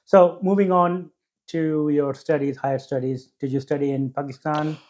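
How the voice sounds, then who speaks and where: A male interview host with a fairly high-pitched voice. He chats in a friendly, casual way, asking prompting questions and giving short encouraging replies. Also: steady tone, normal speed, a little mellow.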